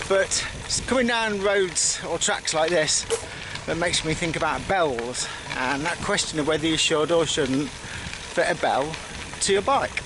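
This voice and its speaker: A man from the United Kingdom casually talking to camera while riding a bike on an outdoor path, rambling with fillers and restarts. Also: a little high. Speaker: cycling vlogger. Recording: outdoor wind and road noise.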